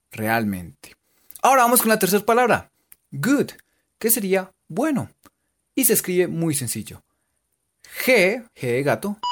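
A man giving a playful beginner English lesson, spelling words out letter by letter. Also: a little high. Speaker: English teacher.

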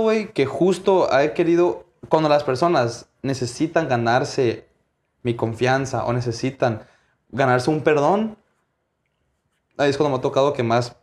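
A young Mexican man speaking bluntly in a casual chat, medium-pitched and slangy. He states firm opinions and keeps adding quick apologetic asides. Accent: Mexican Spanish.

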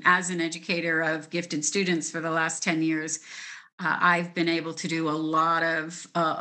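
Bright-voiced woman educator, low pitch. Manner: thoughtful, explains step by step. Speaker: teacher of gifted students, podcast guest. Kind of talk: conversational interview.

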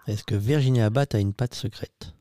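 A man's voice: fairly low pitch, brisk, warm tone, no room sound, studio quality. A man hosting a radio interview who asks his questions playfully and searches for the right words. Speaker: radio host.

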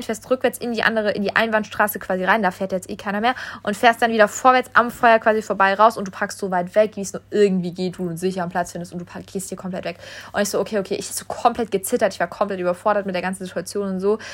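Young German woman, podcast host, rapid chatty retelling, mid-pitched voice. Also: a bit bright. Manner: fast, breathless retelling with many fillers and quoted dialogue. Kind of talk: casual storytelling.

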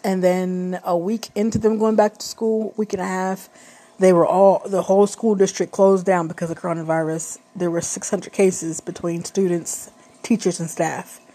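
A woman's voice: fairly low pitch, flat delivery, normal speed, mellow. A woman in her thirties, a stay-at-home mom, telling a personal story in a chatty, rambling way with many fillers and restarts.

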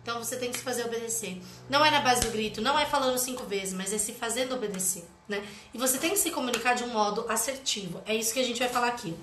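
A woman's voice: a little high, sharp tone, slight background noise. Chatty woman teaching parents. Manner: chatty, often ends phrases with "né?". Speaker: parenting educator. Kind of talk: live teaching, reading a book aloud and commenting. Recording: echoey room.

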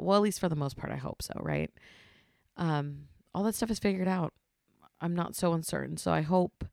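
A woman in her thirties talks on her podcast in a chatty, rambling way, full of fillers and restarts. She keeps her voice hushed at home, with a gravelly edge. The sound is close and dry. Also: deep voice, no echo. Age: 30s. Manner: hushed, trying not to be loud. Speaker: podcast host. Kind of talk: casual solo podcast monologue. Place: home at night.

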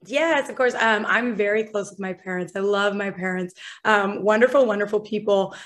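A woman's voice: mid-range voice, normal speed. A woman, a chatty, bubbly guest who laughs often in a casual interview. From Canada (Ontario).

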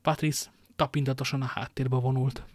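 A man reading a novel aloud in a steady narrating voice, now and then stumbling and correcting himself. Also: medium pitch, dry recording, studio quality. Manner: steady narration with occasional slips and self-corrections. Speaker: audiobook reader.

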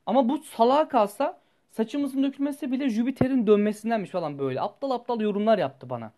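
A young man, a student, telling a personal story in a rambling, animated way and swearing freely. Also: extremely high pitch, fast. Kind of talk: casual storytelling vlog.

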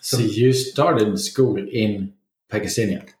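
Lowish man asking short questions. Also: slow, darkish tone, reverberant. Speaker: interviewer. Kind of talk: casual interview.

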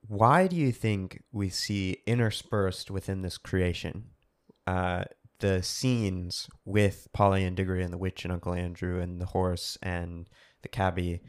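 A man's voice: deep voice, fairly even intonation, unhurried. A man co-hosting a casual book discussion podcast, thinking aloud and putting questions to the others. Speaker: podcast co-host.

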